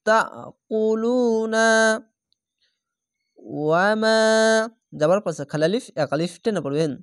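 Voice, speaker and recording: A man with a Bangladeshi Bengali accent teaching Quran reading rules step by step, with slow drawn-out recited examples. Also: on the high side, dry recording, clean studio sound. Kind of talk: spelled-out Quran recitation lesson.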